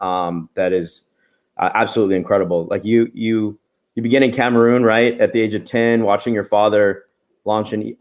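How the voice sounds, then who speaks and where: A man with a lowish voice moderating a business panel. He is enthusiastic and sets up long, wordy questions for the panelists.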